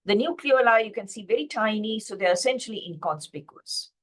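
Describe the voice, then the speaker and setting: A woman's voice: fairly high pitch, expressive, brisk, a bit bright. A woman from Sri Lanka giving a slide-based pathology lecture, explaining steadily with frequent fillers and self-corrections over a video call.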